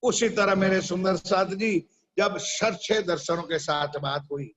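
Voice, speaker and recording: A man's voice: sits high, measured pace, a bit bright, dull audio. A man preaching a sermon. He tells a parable and keeps stopping to quiz his listeners. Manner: questions the audience often. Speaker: religious preacher.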